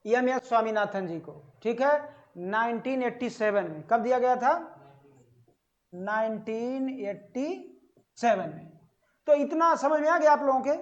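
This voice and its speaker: A very high-pitched man leads an exam-prep lesson on agriculture, asking the class questions and then answering them himself. He drags out key words slowly. The audio is dull and lo-fi.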